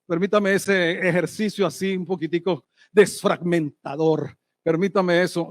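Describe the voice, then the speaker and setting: Male pastor preaching, high voice, keeps tossing questions at the crowd, dry close sound. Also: no room sound. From Colombia. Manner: lively preaching with rhetorical questions to the congregation. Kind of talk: sermon. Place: church hall.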